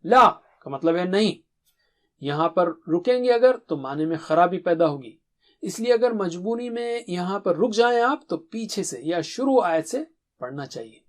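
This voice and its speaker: A man, a Quran recitation teacher, gives a short recorded tajweed lesson in a clear, measured teaching voice. He slows into melodic recitation for his examples. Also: sits high.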